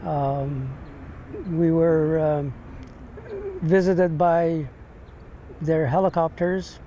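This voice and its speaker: An older American man remembers his days as a veteran in an interview. His voice is mellow and sits a little high for a man. He speaks haltingly, pausing and repeating words as he searches his memory, over faint background noise. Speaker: navy ship veteran being interviewed. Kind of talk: reminiscing in an interview. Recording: noisy, with steady background rumble.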